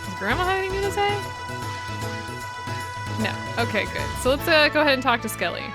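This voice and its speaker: A woman's voice: sits high, sing-song, brisk. A woman casually commenting on gameplay as a let's play host, chatty and full of joking asides. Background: game music.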